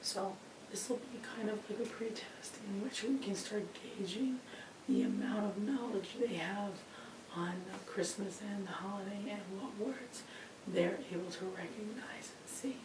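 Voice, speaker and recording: A woman teacher gives an informal lesson after losing her voice, so she sounds hoarse, croaky and strained, pushing hard to be heard and often breaking into a breathy whisper. Her pitch sits mid-range and she talks a little slowly. The mic is distant in a roomy space, with clear background noise.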